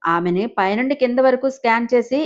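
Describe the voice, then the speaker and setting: A woman narrating a scripted audio story in an expressive way. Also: fairly high pitch, brisk, muffled recording.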